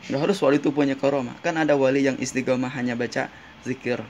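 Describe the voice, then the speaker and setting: Gravelly-voiced man preaching casually. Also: medium pitch, fairly even intonation, fast, a little hiss or hum. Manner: conversational, often asks "right?" of listeners; recites Arabic hadith then translates. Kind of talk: casual Islamic sermon. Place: in Jeddah.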